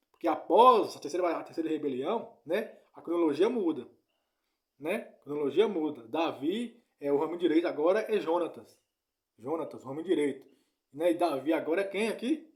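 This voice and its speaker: A man's voice: a little high, lively intonation, a little fast. A man teaching from the Bible, repeating his points and asking his listeners "né?" and "entendeu?". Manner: repetitive, keeps asking "né?" and "entendeu?". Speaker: preacher.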